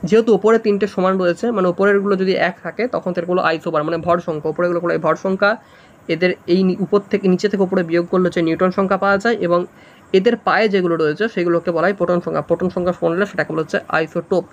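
A man's voice: high-pitched, steady tone, very fast. A man teaching an exam-prep class, walking students through multiple-choice answers step by step and checking that they follow. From West Bengal.

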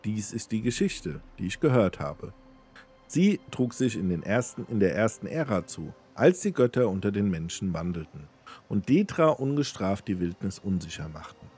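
A low-pitched man reading an in-game book aloud for a let's play, his delivery lively and expressive with casual asides. His voice is dark and slightly husky, and faint game music plays beneath it. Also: normal speed. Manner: expressive storytelling with offhand asides.

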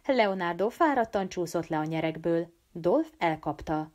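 A woman reading a novel aloud as an audiobook, with an animated, expressive delivery. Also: lowish voice. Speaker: audiobook reader. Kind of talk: storybook narration.

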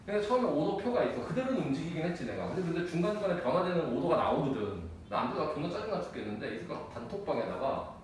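A man's voice: a little high, very animated, rapid-fire, hardly any pauses. A man teaching math in a casual lecture, telling a personal story in blunt, slangy language and laughing often. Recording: echoey room, distant mic, noisy.

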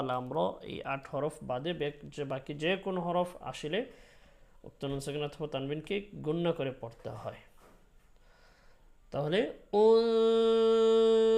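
Patient man teaching recitation. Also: fairly high pitch. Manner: patient, slow explaining with frequent fillers, breaks into drawn-out chanted recitation. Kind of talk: spoken tajweed lesson.

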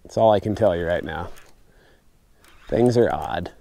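A young man vlogging while fishing from a river sandbar at night, talking to himself in a relaxed, wry way, recorded outdoors on a camera mic. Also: sits low, a little slow, creaky. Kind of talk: casual outdoor vlog narration. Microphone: camera-mounted mic, sometimes off-axis.

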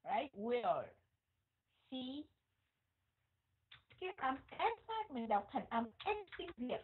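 A woman with a Vietnamese accent teaching English pronunciation, repeating words slowly and switching between English and Vietnamese. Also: sits high, big pitch swings, slightly rough. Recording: muffled, phone-like lo-fi audio.

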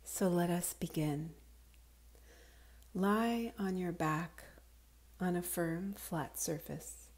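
Calm, unhurried instructions come from a woman guiding a yoga nidra meditation. Her soft, mellow voice sits fairly low, and she speaks very slowly and soothingly, letting her phrases trail off breathily.

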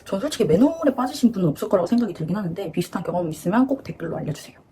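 A woman's voice: mid-range voice, very animated, racing, mellow, a little hiss or hum. A woman in her twenties chatting through a story in a casual vlog. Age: 20s. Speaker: beauty vlogger.

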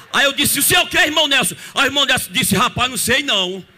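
High bright-voiced Pernambuco preacher-singer. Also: male voice, a little fast. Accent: Pernambuco Brazilian Portuguese. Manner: animated storytelling, breaks into singing and shouted praise. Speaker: gospel singer. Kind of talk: church testimony and worship singing. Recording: live church with music behind.

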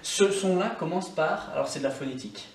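A man, teaching English grammar to learners in a relaxed way. He repeats the example words slowly and thinks aloud with fillers. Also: on the high side, roomy sound, a little hiss or hum.

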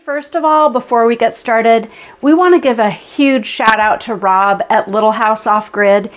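Speaking unhurriedly in a high-ish voice, a forties-aged homesteading channel co-host addresses the camera directly from her kitchen. The scripted explainer comes across as warm, friendly, and upbeat.

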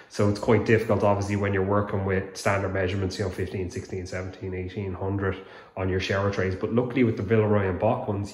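Low, even-toned man touring a renovation. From Ireland. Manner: relaxed, explanatory, many fillers. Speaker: home renovation vlogger. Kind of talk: casual walkthrough narration. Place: unfinished house under renovation, indoors. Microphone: handheld phone camera. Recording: echoey bare rooms, faint background noise.

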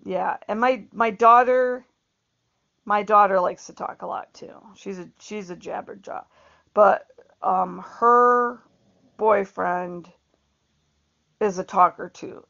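There's vocal fry in this middle-aged woman's mid-range, somewhat bright voice as she vlogs. Her monologue is casual and rambling, full of repeated words and frequent laughter, and the audio is dull lo-fi.

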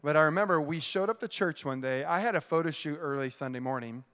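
A middle-aged man giving an energetic, chatty youth sermon full of "like", in a church hall. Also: on the high side, fast, clear, resonant tone. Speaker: youth pastor. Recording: long hall reverb.

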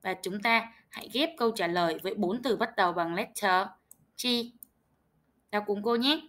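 A Vietnamese woman teaching English words to young children, saying each word twice, slowly and distinctly, and giving instructions in Vietnamese. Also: medium pitch, a bit bright. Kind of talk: slow, clear vocabulary drill with repetition.

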